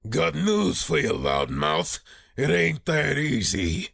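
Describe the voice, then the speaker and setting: A man voicing a gruff, sarcastic rock monster brawler with a gravelly, raspy voice and slangy talk in an amateur comic-book dub. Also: a little high, wildly swooping pitch, slow pace, a bit bright, exaggerated voice. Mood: scornful. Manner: tough slangy wisecracking.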